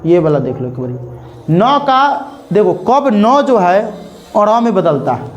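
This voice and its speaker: A young man with a Bihar Hindi accent teaching a grammar lesson to a class. He slowly spells out examples, repeats words, and keeps checking with "clear?". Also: high-pitched, very animated, dull audio, a little hiss or hum.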